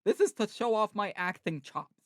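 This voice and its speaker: A man voicing a loud, cheery male clown with a sing-song showman delivery. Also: high-pitched, very animated, normal speed, dry recording, studio quality, voice pushed up. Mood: chirpy. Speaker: streamer and voice actor.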